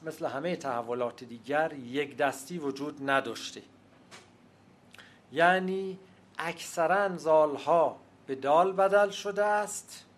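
Measured male lecturer, fairly high voice. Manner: measured, explanatory, with frequent hesitations. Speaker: lecturer on language history. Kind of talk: academic lecture.

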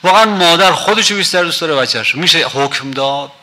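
Forceful, bright-voiced male lecturer. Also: on the high side, lively intonation. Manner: conversational, asks rhetorical questions. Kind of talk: storytelling lecture with quoted poetry.

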